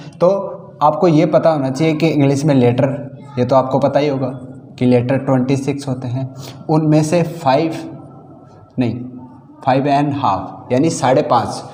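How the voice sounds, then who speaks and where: A man's voice: medium pitch, dark tone, slight background noise. A man teaching a basic lesson, repeating his own questions to the class and answering them. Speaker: English teacher. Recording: echoey room.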